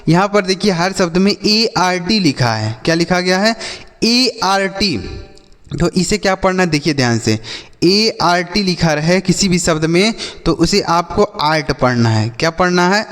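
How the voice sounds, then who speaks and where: A man's voice: sits high, animated, measured pace, fairly bright tone, long reverb tail. A man teaching children to read English words, spelling each one letter by letter and asking the class what it says. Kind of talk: classroom-style phonics lesson for children.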